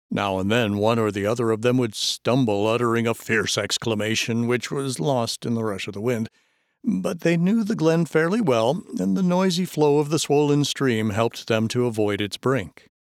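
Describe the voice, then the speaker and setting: A male narrator reading classic fiction aloud in a measured, steady storytelling manner. His voice sits in a middle register. The recording is dry and close, with no room sound. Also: mid-range voice, no echo. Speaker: audiobook narrator. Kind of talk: scripted audiobook narration.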